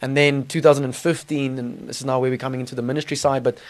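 A South African man, guesting on a podcast in a small studio, shares his personal testimony in an informal, earnest, conversational style full of colloquial slang. His mid-range voice is flat and quick.

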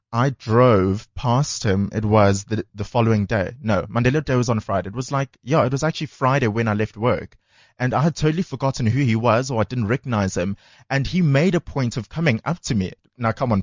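A South African man co-hosting a radio show, telling a story in a casual, animated way. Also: on the low side, dry recording, highs cut off. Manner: animated storyteller who acts out what others said. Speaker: radio co-host.

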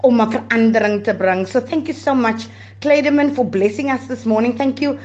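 A woman pastor with a South African accent speaks in a recorded voice note played over the air. Her voice sits fairly high and the sound is muffled and lo-fi. She talks excitedly, with frequent "you know" fillers. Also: a little fast. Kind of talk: voice message to a radio show.

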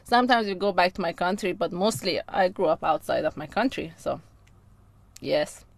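A woman from Iran whose first language is Persian, a guest in casual chat, speaking halting second-language English and laughing often. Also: lowish voice, lively intonation, gravelly, dry recording.

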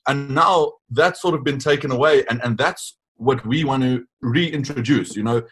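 A man's voice: medium pitch, moderate pace, a bit bright, husky. A man of about twenty, a student founder speaking eagerly in a podcast interview, often repeating words as he goes. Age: 20s.

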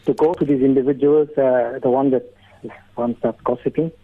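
Brief: male caller heard over the phone, husky, halting phrasing. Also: mid-range voice, steady tone. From South Africa. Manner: hesitant, searching for words. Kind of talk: radio call-in question. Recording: narrow phone-line sound.

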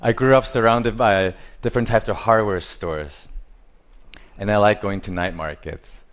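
A man's voice: on the low side, moderate pace. A man from Taiwan, giving a prepared stage talk about his art in simple, listing phrases with grammar.

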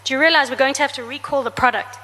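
A woman author reading from her comic novel to an audience, changing her voice for each character's lines. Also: racing. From South Africa. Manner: reads dialogue with shifts in pitch and loudness for each character. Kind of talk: book talk with a reading. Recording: reverberant hall.

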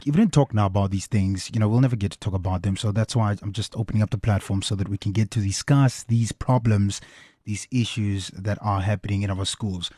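A man's voice: lowish voice, steady tone, brisk, dark tone, no echo, clean studio sound. A South African man hosting a radio phone-in, switching between two languages in an impassioned, direct way and asking rhetorical questions. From South Africa, Free State. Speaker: radio host. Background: music.

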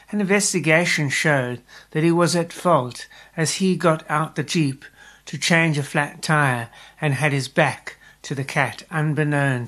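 A male storyteller reads a scripted radio tale at an unhurried, measured pace. His voice sits fairly high for a man. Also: fairly bright tone. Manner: slow, measured reading.

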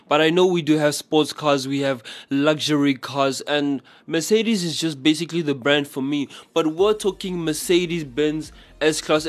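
With a slightly high voice, a South African man works as a DJ on a laid-back radio chat show. He's chatty and rambling, often doubting himself partway through a sentence.

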